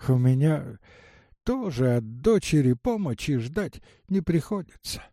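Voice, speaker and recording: A man plays a touchy old village woman who speaks earnestly of her hopes, in a lively, sing-song gravelly voice. He reads slowly, with a dark, mellow timbre, and the sound is dry. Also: a little high, no room sound, full character voice. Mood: plaintive. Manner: earnest, plaintive, musing.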